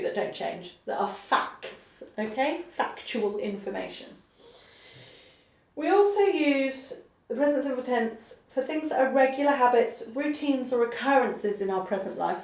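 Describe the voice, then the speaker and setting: In a recorded grammar lesson, a woman in her forties speaks in a voice on the high side with a slightly mellow quality. The room echoes and she is a bit far from the mic; she patiently repeats the main points and keeps saying "okay".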